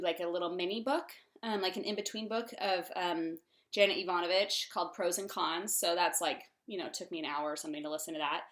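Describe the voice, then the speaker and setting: A woman's voice: medium pitch, a bit bright. A young woman chatting casually about books she has read as the host of her own vlog, filling her talk with um and like. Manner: chatty, many ums and likes. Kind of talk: casual book-review chat.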